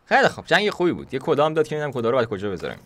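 A young man casually commentating a video game he plays, joking, chatting to the game characters and sometimes bursting into shouts. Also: mid-range voice, huge pitch swings. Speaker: gaming YouTuber. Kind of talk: casual Let's Play commentary.

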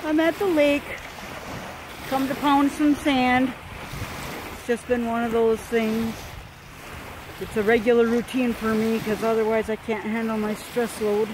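An older woman chatting casually to the camera, with soft toothless articulation. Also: a little high, flat delivery, a little slow. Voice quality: toothless, slightly mushy articulation. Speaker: vlogger. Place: outdoors on a lakeshore beach. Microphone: phone at arm's length. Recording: loud wind noise on phone mic. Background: wind noise.

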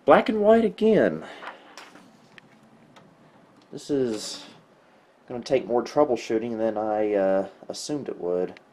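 A man with a mid-range, sing-song voice talks slowly, pausing often, in a mellow tone, with a little hiss or hum in the audio. As host of a retro computing video, he works through tech troubleshooting aloud, casual and wry, from a small room at home.

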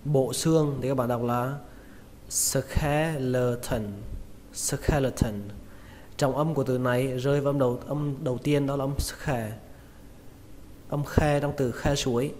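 Man teaching words slowly, echoing room. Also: medium pitch, a little mellow. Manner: repeats each word slowly and carefully. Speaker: English pronunciation teacher. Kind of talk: slow spoken vocabulary lesson. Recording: long reverb with faint noise.

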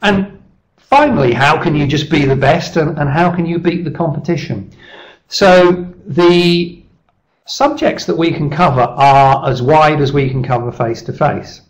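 A middle-aged man giving a persuasive business presentation over slides on a webcam call, steady and measured with small restarts. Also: medium pitch, rough recording. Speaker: leadership speaker presenting his service. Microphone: webcam video call.

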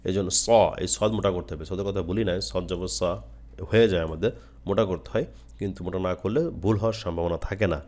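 Slow-teaching Bangladeshi man, lowish voice. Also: fairly even intonation, a little mellow. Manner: models phrases with long drawn-out chanting, then explains plainly. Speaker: Quran recitation teacher. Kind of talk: step-by-step recitation lesson.

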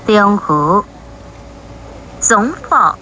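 A woman making measured, clearly enunciated train announcements, heard over the carriage's intercom loudspeaker. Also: mid-range voice, sing-song, a little hiss or hum, low-quality recording. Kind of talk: recorded transit announcements.

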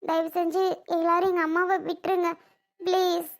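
A woman playing a young daughter who defends her mother with sharp, pleading insistence in a family drama skit. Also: very high voice, flat delivery, normal speed. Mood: angry, pleading.

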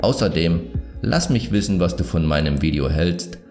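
A man narrating a scripted self-improvement video, giving advice in a calm, measured, self-assured way. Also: deep voice, soft background music.

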